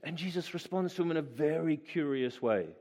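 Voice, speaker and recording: A man's voice: fairly high pitch, expressive, a little fast, dark tone, long reverb tail. A man preaching a sermon, reading scripture aloud and then explaining it in a conversational, musing way, asking his listeners questions.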